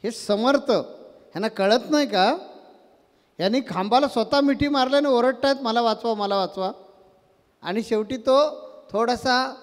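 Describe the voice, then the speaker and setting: A man delivers a devotional sermon in an unusually high voice, telling stories with animation. He fires rhetorical questions at the listeners as he teaches. His voice rings out with a long reverb, as in a large hall. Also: unhurried, pauses often. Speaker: spiritual teacher giving a discourse.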